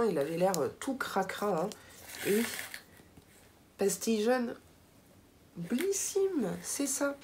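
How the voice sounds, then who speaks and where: A woman's voice: medium pitch, a little mellow, a little hiss or hum. A woman chatting casually to her viewers as she reviews finished beauty products, with lots of fillers and asides. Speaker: beauty vlogger.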